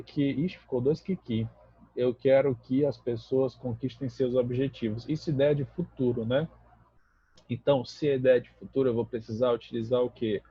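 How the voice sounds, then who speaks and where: A man's voice: mid-range voice, breathy edge, no room sound, lo-fi sound. A Brazilian man, a native Portuguese speaker, teaching an English grammar lesson in a patient, explanatory way that keeps checking in with the class.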